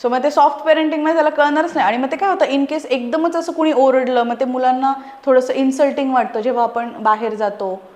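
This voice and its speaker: A woman's voice: high voice, fast talker, few pauses. A woman, a guest parent talking earnestly and with animation in a casual conversation. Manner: earnest, animated, explaining with examples. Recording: echoey room.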